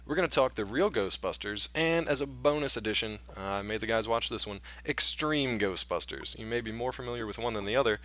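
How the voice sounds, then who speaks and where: A man's voice: medium pitch, brisk, few pauses, pushed and bright. A man hosting a casual podcast chat, playful and jokey, laughing often with his co-hosts. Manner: playful, jokey, puts on a spooky voice for the intro. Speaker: podcast host.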